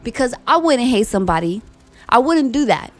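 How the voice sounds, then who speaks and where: A woman's voice: a little high, sing-song, moderate pace, faint music behind. A young woman venting a heated, profane work story in a casual vlog. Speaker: vlogger telling a work story. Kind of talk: casual storytime rant over gameplay.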